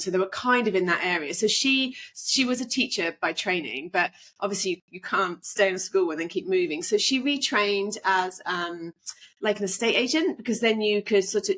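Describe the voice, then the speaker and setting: A woman's voice: fairly low pitch, a bit bright. A middle-aged woman from England, chatting casually as a podcast guest, rambling with fillers. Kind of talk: casual interview chat.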